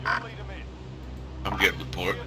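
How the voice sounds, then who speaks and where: A man's voice: lowish voice, huge pitch swings, extremely slow. A man making dry wisecracks in casual, sweary gaming chat. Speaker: gamer in a squad voice chat. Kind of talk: casual profane gaming banter.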